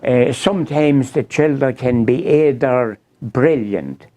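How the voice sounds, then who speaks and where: A man's voice: mid-range voice, expressive, takes it slowly, warm tone. An older man with a Northern Irish accent, chatting casually about old times in short, plain rural phrases. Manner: plain-spoken, brief rural answers. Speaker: interview guest, local walk guide. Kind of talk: casual reminiscing chat.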